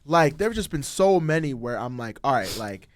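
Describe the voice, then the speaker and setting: A young man co-hosting a podcast, chatting casually and excitedly with lots of fillers and restarts. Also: medium pitch, moderate pace. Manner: rambling, excited, heavy on fillers. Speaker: podcast co-host. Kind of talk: casual chat.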